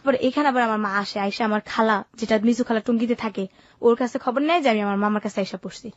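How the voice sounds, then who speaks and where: A seventeen-year-old woman with a colloquial Bangladeshi Bengali accent tells her life story in an informal, matter-of-fact, unsentimental first-person way. Her voice is fairly high and quick, and the recording is muffled with no room sound.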